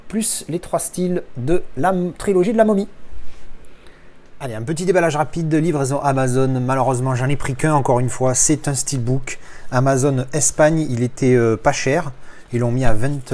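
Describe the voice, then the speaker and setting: A man talks casually as he unboxes films. His voice sits at an average pitch, and he rambles along with frequent fillers and restarts. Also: a little mellow.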